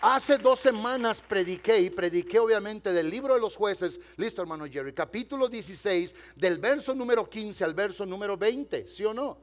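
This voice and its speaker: A man pastor preaching a sermon in Spanish, telling a story with dramatic pauses, asking the congregation to respond and slipping in English phrases. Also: high voice, expressive. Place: church.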